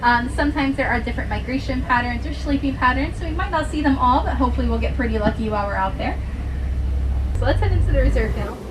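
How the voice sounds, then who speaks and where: A woman's voice: sits high, quick pace. A woman working as a safari guide, giving live tour commentary from a moving open truck on a theme park ride. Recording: distant PA voice under loud truck noise.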